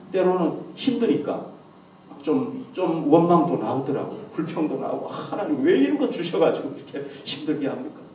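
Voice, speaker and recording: Male pastor, animated sermon, somewhat high voice, distant mic in a roomy hall. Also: a little hiss or hum. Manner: lively preaching, acts out quoted lines with rising voice. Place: church hall, Korean congregation.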